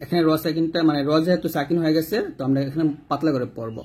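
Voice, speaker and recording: A man teaching Quran reading step by step, spelling out letters and vowel marks and then reciting them slowly and drawn out. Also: a little high, a little mellow, breathy edge.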